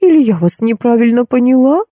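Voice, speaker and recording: A woman's voice: on the high side, expressive, moderate pace, warm tone, dry recording, clean studio sound, voice pushed up. A woman voicing a fussy, soothing older nanny in an audiobook. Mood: matter-of-fact. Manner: fussing, soothing.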